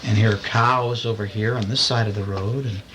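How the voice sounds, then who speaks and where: Speaking at normal speed with a lowish, steady tone, a father reads a storybook to children at bedtime. He plays around with asides and acts out lines and sound effects, and the amateur home recording is noisy.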